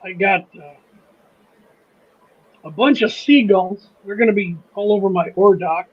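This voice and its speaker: Here the same kind of Midwestern host of a model railroad channel talks at a measured pace in a husky, high-pitched voice. He rambles casually on a livestream, often restarting and laughing readily, and the sound is lo-fi.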